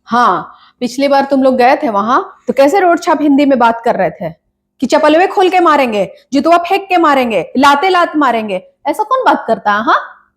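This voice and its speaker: A woman playing a complaining, scolding mother in a comedy sketch, nagging in quick bursts. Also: high voice, big pitch swings.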